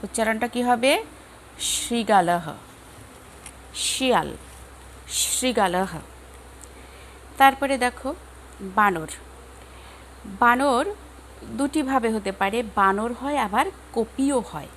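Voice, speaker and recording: A young Bangladeshi woman teaching a lesson, speaking slowly and carefully and repeating each word for her students. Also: a little high, fairly bright tone, a little hiss or hum. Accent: Bangladeshi Bengali. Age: young adult. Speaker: Sanskrit teacher. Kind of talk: classroom lesson, slow repetition drills.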